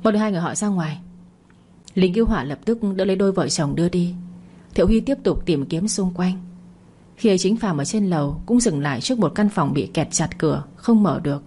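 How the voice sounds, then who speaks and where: A woman narrating a drama story in a steady, even-paced storytelling manner. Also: on the low side, a little fast, a little hiss or hum.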